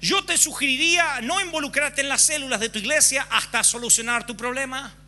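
A man's voice: very high-pitched, a little fast, sharp tone, voice pushed up, exaggerated voice. A man voicing the devil as a coaxing, chummy fake friend who talks in casual slang. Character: sly smooth-talking male devil, fake friend.

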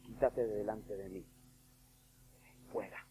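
A man preaching a sermon while voicing Jesus as a solemn man who quietly and gravely rebukes a disciple. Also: fairly low pitch, steady tone, slow pace, slight background noise, rough recording.

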